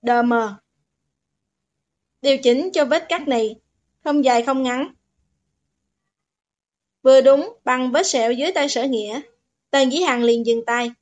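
A woman reads a romance novel aloud in a bright, high voice. Her narration is steady and even, the plain pacing of a scripted audiobook. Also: a little slow, pauses often.

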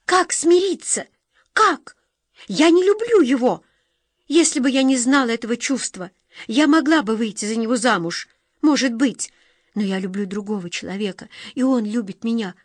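A woman's voice: mid-range voice, steady tone, fast, few pauses, darkish tone, no echo, clean studio sound, natural voice. A woman voicing a desperate young noblewoman who pleads near tears.

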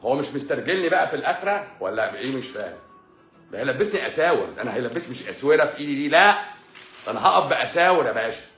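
Fast-talking Egyptian man scolding viewers. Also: fairly high pitch, fairly bright tone. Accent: Egyptian Arabic. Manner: sarcastic, scolding, repeats phrases for emphasis. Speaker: doctor answering viewer comments on a live stream. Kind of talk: live-stream monologue. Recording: echoey room with faint music.

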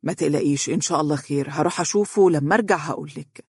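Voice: medium pitch, steady tone, fast, darkish tone, dry recording, close to an everyday voice. Narrator doing a nervous polite egyptian teacher guy, holds his temper, dry close sound. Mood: tense. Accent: Egyptian Arabic. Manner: tense, restrained, polite. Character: anxious young male teacher, polite.

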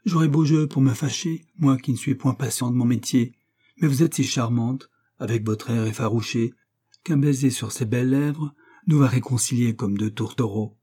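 A man's voice: mid-range voice, moderate pace, dark tone, slightly rough, natural voice. A man voicing a cocky, lecherous young Venetian nobleman who mocks and swaggers. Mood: mocking. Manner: mocking, swaggering, raised voice.

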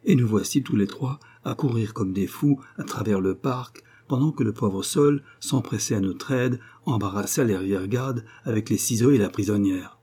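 A man reading a novel aloud in steady, measured narration. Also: fairly low pitch, slightly rough. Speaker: audiobook reader. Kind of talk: scripted narration.

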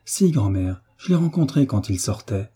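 A man voicing a dreamy, shy young girl who speaks softly and wistfully, in an audiobook. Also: fairly low pitch, very animated, normal speed, slightly rough, exaggerated voice. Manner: soft, wistful.

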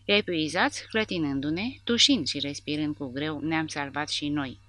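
Low-voiced woman narrating an audiobook. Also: a bit bright, dry recording. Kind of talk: scripted narration of a war novel.

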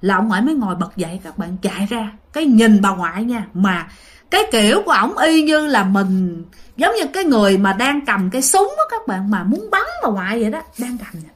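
A woman telling a ghost story in a casual, animated way, speaking directly to listeners. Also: medium pitch, brisk.

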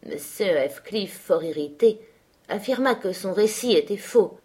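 A woman narrating a classic novel aloud in a measured, slightly lowered storytelling voice. Her pitch sits in the middle range. The reading is steady and scripted. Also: breathy edge. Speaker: audiobook narrator.

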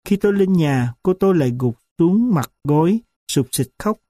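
A man narrating a story slowly and solemnly, his voice dark and mellow. The recording is dry and close, with no room behind him. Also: on the high side, animated, dry recording. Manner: slow, solemn and reflective.

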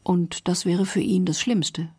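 A woman narrates a radio feature in a measured, factual manner. Her voice sits low and has a husky edge. The recording is dry and close. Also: fairly even intonation, darkish tone, no echo. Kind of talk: scripted narration.

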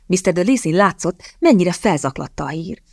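A woman narrating a period romance novel in a measured storytelling manner. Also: on the low side, lively intonation, dry recording, studio quality. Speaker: audiobook narrator. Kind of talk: scripted audiobook narration.

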